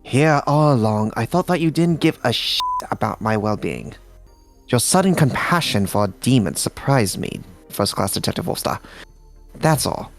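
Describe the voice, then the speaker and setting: A man plays a tired male demon with a gravelly, rough voice that swings widely in pitch. He talks in a calm, unhurried way with dry mock formality, as in a visual novel read-along. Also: faint music behind. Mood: wry. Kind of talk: amateur visual novel voice reading.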